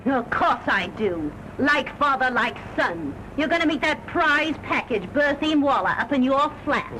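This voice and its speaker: A brash young Cockney kept woman throws out high, scornful jabs. Her bright voice rides over heavy hiss from an old 1930s film soundtrack. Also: animated, unhurried, full character voice, poor audio. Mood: taunting. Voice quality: sharp-tongued and scornful. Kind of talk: early-1930s film acting.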